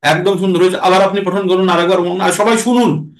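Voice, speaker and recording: High-voiced man teaching verse chanting. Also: steady tone, reverberant. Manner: chants verses slowly, then explains pronunciation. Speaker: teacher of Sanskrit verse recitation. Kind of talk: patient recitation lesson.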